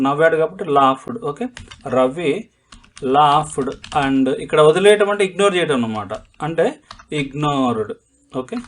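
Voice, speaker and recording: A man with a Telugu accent teaches a lesson at a deliberate, unhurried pace, breaking sentences into single words and repeating them. His voice sits a little high for a man. Soft keyboard typing is heard behind him. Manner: explains each word slowly, repeats phrases, drawn-out dictation. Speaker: English teacher. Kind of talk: slow step-by-step language lesson.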